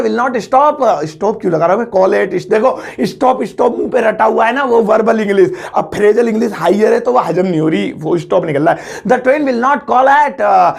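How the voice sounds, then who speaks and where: A fairly high-voiced man with an Indian accent and a deeply gravelly, fry-laden tone, teaching English phrases. He talks in a loose, joking way, explaining in Hindi and slowing down for each English example sentence. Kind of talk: casual spoken English lesson.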